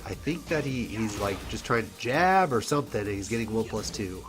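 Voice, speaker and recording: Male caster, low voice, stuffy from a cold, relaxed chatty play-by-play over loud game music. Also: brisk. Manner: casual, chatty, laughs often, many fillers. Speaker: esports commentator. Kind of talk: solo play-by-play commentary.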